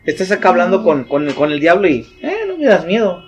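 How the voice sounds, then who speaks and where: A young man with a Mexican accent, chatting casually in a slangy, animated way and laughing often. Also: sits high, fairly quick, muffled recording, faint music behind. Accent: Mexican Spanish. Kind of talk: casual chat.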